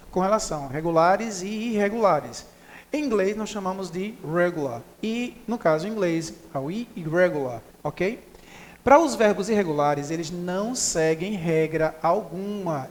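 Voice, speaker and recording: Man, English teacher, methodical explainer, reverberant room. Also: high voice. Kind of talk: recorded online class lesson. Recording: echoey room.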